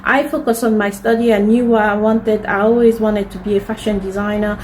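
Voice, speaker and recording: A woman in her thirties, a native French speaker, talks straight to the camera about her own life. Her voice sits at a middling pitch, and her delivery is earnest, candid and heartfelt, like a personal video diary. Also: flat delivery, fairly quick, a little hiss or hum, rough recording. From DR Congo. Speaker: fashion designer telling her life story.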